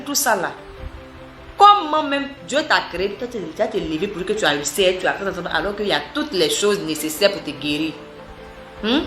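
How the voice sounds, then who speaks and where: A woman from Côte d'Ivoire with an Ivorian French accent, talking straight to her followers in a live address, emphatic and animated, with many rhetorical questions and tag words. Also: mid-range voice, reverberant. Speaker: social media personality addressing viewers.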